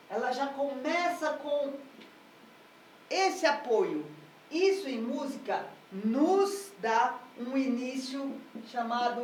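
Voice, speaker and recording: A woman's voice: sits high, a little hiss or hum. A woman music teacher explaining harmony in a patient, step-by-step lesson. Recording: echoey room, mic at a distance.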